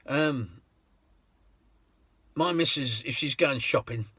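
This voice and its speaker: Cabbie, husky, bright and lively tone, chatty storyteller, laughs a lot. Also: male voice, mid-range voice, slow, no echo. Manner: chatty, laughs often, many ums. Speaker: London cab driver. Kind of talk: anecdotal storytelling.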